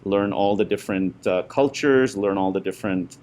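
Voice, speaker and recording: Low-voiced middle-aged man from India. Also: moderate pace, darkish tone. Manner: hesitant, many fillers and restarts. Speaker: guest, school parent and former board member. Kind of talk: conversational interview.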